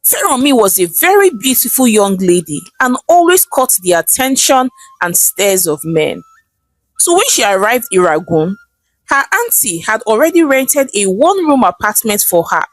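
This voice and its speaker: Narrating a scripted folktale, a woman with a Nigerian accent tells the story dramatically and expressively. Her voice is mid-range at a normal speed, and the recording is dry.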